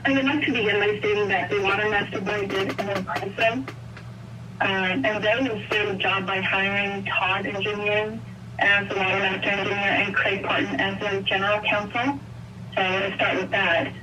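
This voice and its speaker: A woman's voice: medium pitch, far from the mic. A woman giving a polite, prepared public comment over a scratchy conference call line that keeps breaking up. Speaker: public commenter at a board meeting. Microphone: phone on a conference call.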